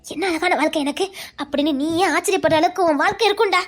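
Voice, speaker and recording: A woman's voice: very high-pitched, fast. A woman playing a loving old grandmother who consoles her grandson, speaking with a Tirunelveli accent in an earnest, reassuring way. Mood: consoling. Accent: Tirunelveli Tamil. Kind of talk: village comedy drama acting.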